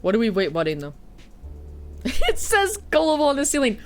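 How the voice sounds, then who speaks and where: Sitting high with huge swings in pitch, this woman speaks at a normal speed over soft background music. A stuffy-nosed streamer who also teaches, she chats casually on stream, cursing and poking fun at herself between sniffles.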